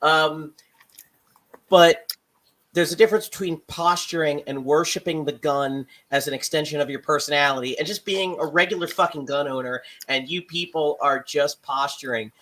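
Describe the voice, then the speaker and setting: A podcast co-host with a mid-pitched voice talks in a wry, loose, rambling way. The chat is casual and opinionated, with plenty of profanity thrown in. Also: moderate pace, fairly bright tone.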